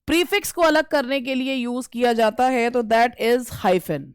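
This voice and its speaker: A woman teaching A woman with an Indian accent gives an English grammar lesson for exam preparation. Her voice is fairly high and smooth, recorded dry and close. She reads each question deliberately, then explains it and answers her own questions. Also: no echo. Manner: asks questions and answers them herself.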